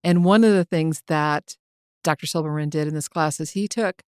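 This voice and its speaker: A woman's voice: deep voice, normal speed, darkish tone, smooth, no echo, clean studio sound. A woman co-hosting a casual teaching podcast, prompting her partner and sharing her own stories. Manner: encouraging, prompts stories, laughs easily. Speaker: co-host. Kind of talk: conversational podcast discussion.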